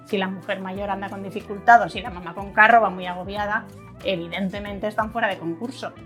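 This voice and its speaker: A woman's voice: medium pitch, steady tone, a little fast, a bit bright, soft background music. A woman reading a first-person story in a wry, conversational narration, now and then acting out angry outbursts.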